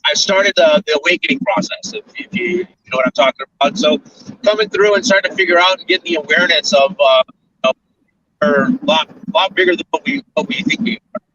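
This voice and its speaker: A man from Arizona in his forties, a guest talking over a video call from inside a moving car, with audio that keeps breaking up. He speaks haltingly, with lots of fillers and restarts. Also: sits high, very animated, sharp tone. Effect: choppy breaking-up call audio. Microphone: phone or laptop on a video call. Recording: distant, dull lo-fi call audio with faint car noise.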